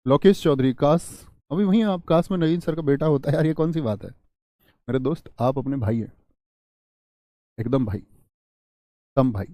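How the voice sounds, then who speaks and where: A man teaching Hindi grammar in a live online class, repeating key phrases slowly, quizzing viewers and answering their chat. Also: mid-range voice, dark tone, no room sound, studio quality. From India.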